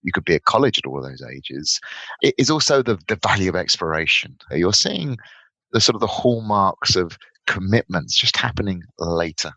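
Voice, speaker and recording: A middle-aged British economist and author, a guest on a panel, explains ideas reflectively and with examples. His low voice has lively intonation and a pushed, bright quality at normal speed, and the recording is rough.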